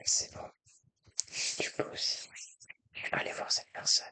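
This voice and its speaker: A man whispering breathily right in the listener's ear in a soft ASMR style. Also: unhurried. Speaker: ASMR video creator. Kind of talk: ASMR, soft-spoken personal attention.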